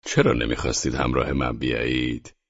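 A man's voice: a bass voice, level tone, gravelly, no echo, lo-fi sound, pitched below the performer's own voice, exaggerated voice. A man voicing a cruelly sarcastic male neighbor who mocks a helpless captive in an audiobook. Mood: mocking. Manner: sneering and mock-soothing, slow in parts.

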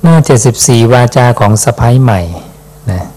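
A monk with a mid-range, breathy-edged voice and lively intonation gives an unhurried dhamma talk. He reads scripture aloud, explains it, and ends phrases with a soft questioning particle.

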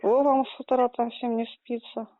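A woman's voice: on the high side, level tone, normal speed. A woman arguing over the phone in a colloquial, mocking and defiant way. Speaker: person receiving debt collection calls. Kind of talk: argumentative phone conversation. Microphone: telephone. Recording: muffled narrowband phone line.

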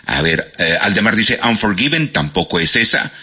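This radio quiz host, a man with a Colombian Spanish accent, reads listener answers aloud with lively energy. He has a husky voice pitched on the low side and keeps a moderate pace, heard through a lo-fi broadcast.

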